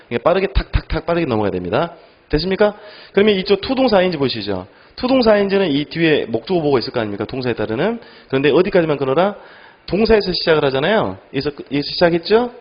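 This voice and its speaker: A male English teacher giving an online exam-prep lecture, firing quick questions at students and answering them himself. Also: highs cut off. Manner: animated, lively pitch.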